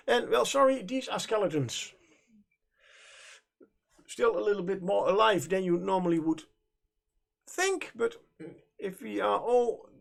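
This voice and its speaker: A native Dutch speaker from the Netherlands, this livestream host paints miniatures while chatting casually in a medium-pitched voice with vocal fry. He speaks with a Dutch accent, hesitant and rambling, with frequent self-corrections.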